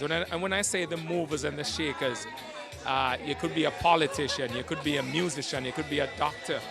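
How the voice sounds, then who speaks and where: A man's voice: on the high side, vocal fry. A man in his sixties from Jamaica, an award honoree and radio producer, talking earnestly in an event interview and repeating words as he searches for them. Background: music.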